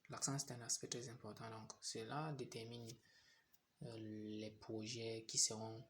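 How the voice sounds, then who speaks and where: A young man from Cameroon hosts a screen-recorded phone app tutorial, guiding viewers step by step while often hesitating and repeating himself. His mid-range voice is unhurried, fairly even, and fairly bright, with slight background noise.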